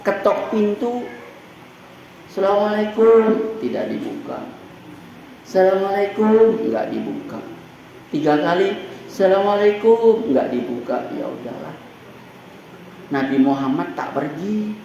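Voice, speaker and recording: Joking preacher gravelly voice. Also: male voice, medium pitch, sing-song, a little slow, a little mellow. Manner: humorous, folksy, asks the audience questions. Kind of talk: sermon to women. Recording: echoey room with faint noise.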